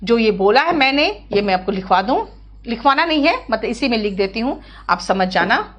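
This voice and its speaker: A woman's voice: fairly high pitch, very animated, moderate pace, lo-fi sound. A woman teaching an English grammar lesson in Hindi, explaining patiently and asking and answering her own questions.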